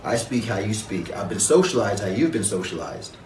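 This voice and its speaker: A man from Jamaica, a guest in an interview, speaking in a measured, reflective way with frequent pauses and fillers. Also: lowish voice, expressive, darkish tone, echoey room, far from the mic, a little hiss or hum, low-quality recording. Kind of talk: conversational interview.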